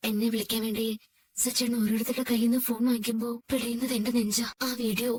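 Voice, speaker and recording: A woman dubbing an anxious, devoted young wife who talks quickly and emotionally. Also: fairly high pitch, level tone, a little mellow, a little hiss or hum, lightly acted. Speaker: dub voice actor. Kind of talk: fan dub of a TV serial.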